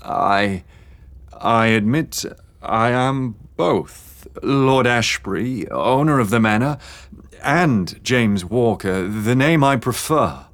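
A man voicing a troubled young gentleman scientist in an audiobook, speaking earnestly and pleadingly. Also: mid-range voice, lively intonation, takes it slowly, no echo, pitched above the performer's own voice. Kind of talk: audiobook character voice.

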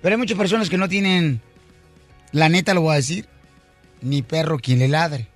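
Man, radio host, high voice, joking banter. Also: moderate pace, soft background music. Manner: playful, laughs a lot, tells jokes.

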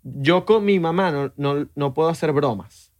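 A young Venezuelan man co-hosting a podcast, telling relaxed stories in casual chat. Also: on the high side, a little slow, dry recording. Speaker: podcast co-host.

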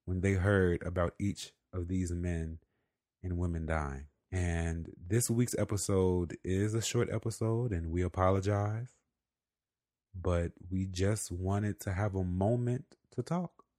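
A man's voice: low voice, steady tone, takes it slowly, a little mellow, dry recording, studio quality. A man co-hosting a podcast, talking in an earnest, reflective way with casual fillers. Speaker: podcast co-host.

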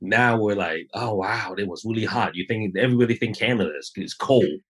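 A photographer appears as a guest in a casual interview, talking in a relaxed, rambling style full of fillers. His voice is fairly low with a breathy edge, and he speaks briskly.

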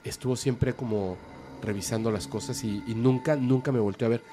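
A man's voice: mid-range voice, fairly quick. Man telling an eerie story. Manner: animated, checks in with the listener. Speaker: guest storyteller. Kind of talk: conversational storytelling. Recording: music playing under the voice.

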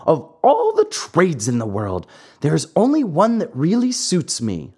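A woman's voice: low voice, huge pitch swings, unhurried, darkish tone, husky, voice pushed up, exaggerated voice. A woman doing a cheeky wooden puppet boy. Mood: defiant. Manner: impudent, rude. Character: impudent wooden puppet boy, lazy and hot-tempered.

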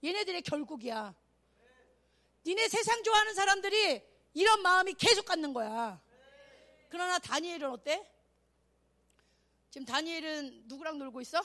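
A woman evangelist preaching at a youth camp, animated and exclamatory, calling out for responses and acting out quotes. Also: extremely high pitch, moderate pace, pauses often. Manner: acts out quotes in voices.

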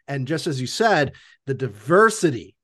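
A man's voice: medium pitch, big pitch swings, moderate pace, fairly bright tone. A man co-hosting a sports podcast with casual analysis, emphatic and repeating words for stress.

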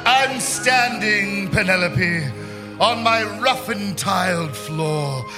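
A man's voice: high-pitched, slow, over music. A man playing a pompous lovesick poet. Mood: grandiloquent. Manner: grandiose, theatrical declaiming with swoops into song. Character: pompous lovesick male poet, florid and vain. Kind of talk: live stage comedy performance.

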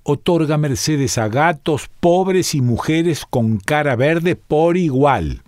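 A man voicing a high-ranking, patronizing male churchman in a read-aloud story, speaking in a preachy way. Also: expressive, slow pace, a little mellow, no echo, studio quality. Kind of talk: audiobook reading.

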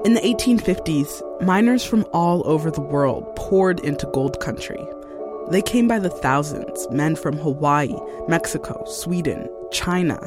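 A man giving scripted, measured documentary-style narration of a true story. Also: fairly high pitch, expressive. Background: music.

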